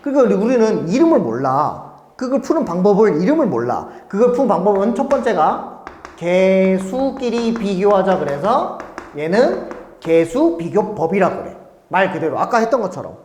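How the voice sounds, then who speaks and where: 생동감 있게 말하는 남자 수학 강사, 울리는 교실. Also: male voice, normal speed, a little hiss or hum. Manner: chatty, animated, mimics students in high squeaky voices. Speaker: math tutor. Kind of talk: casual classroom lecture. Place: classroom. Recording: echoey classroom.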